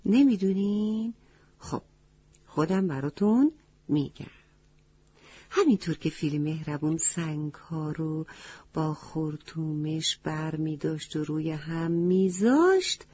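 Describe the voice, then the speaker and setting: A woman's voice: sits low, mellow, husky, no echo, muffled recording. A woman narrating a children's story, stopping to ask the listening children questions. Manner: addresses children directly with questions.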